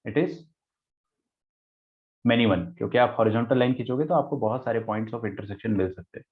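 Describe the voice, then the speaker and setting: A man's voice: medium pitch, normal speed. Man teaching maths over tinny audio. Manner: explains step by step, asks rhetorical questions and answers them. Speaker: math teacher. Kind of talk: online lecture in Hindi-English mix. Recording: tinny phone-like lecture audio.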